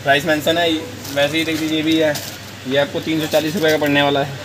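A man gives a shopkeeper's sales pitch in a somewhat high voice. He rattles off prices quickly and matter-of-factly, with clear shop noise around him. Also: level tone. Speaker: wholesale bangle shopkeeper. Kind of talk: sales pitch showing goods and quoting prices. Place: small indoor shop lined with shelves.

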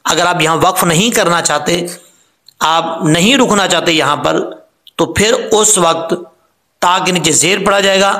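Teaching tajweed, this man walks through the recitation rules one at a time and lingers slowly over sample words. He has a bright, high-pitched, somewhat gravelly voice, recorded in a ringing, echoey space.

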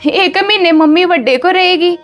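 A woman's voice: extremely high pitch, normal speed, soft background music. A woman with a Punjabi accent playing a devoted daughter who angrily scolds her brothers for how they have treated their mother. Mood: scolding. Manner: scolding, emphatic. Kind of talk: Punjabi family drama acting.

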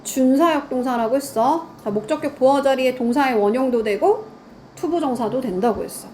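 A woman's voice: high-pitched, brisk, mellow, slight background noise. A woman teaching grammar in a lecture, quizzing her students and answering her own questions.

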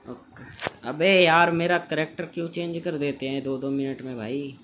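A young man streaming a game and chatting loudly with friends on a call, joking and complaining as he plays. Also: on the high side, level tone, moderate pace, a little hiss or hum. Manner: loud, joking banter with friends. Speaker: gaming streamer.

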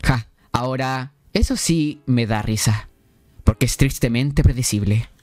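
A man's voice: medium pitch, unhurried, a little mellow, dry recording, lightly acted. A young man voicing a blunt, teasing male character in a visual novel. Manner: dry, teasing.

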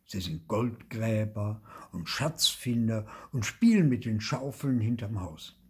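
An older man reading a children's story aloud in a lively, expressive way, with a husky voice. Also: on the low side, slow. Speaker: storybook reader.

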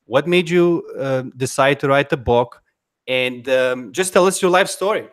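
A man in his thirties hosting a live interview, speaking haltingly with many pauses and restarts, into a studio microphone at home. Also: medium pitch. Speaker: interviewer host. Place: home room. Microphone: headphones and studio mic on a boom.

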